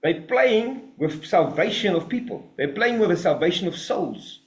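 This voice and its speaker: A man's voice: high-pitched, moderate pace. Male preacher, emphatic sermon delivery with sarcastic asides, echoing room. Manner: animated, emphatic, mocking asides. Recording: roomy echo.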